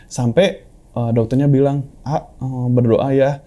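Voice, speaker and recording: A man's voice: mid-range voice, steady tone, unhurried, dark tone. A young man in casual, heartfelt chat, telling a personal story with many restarts and quoted lines. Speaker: guest sharing a personal story.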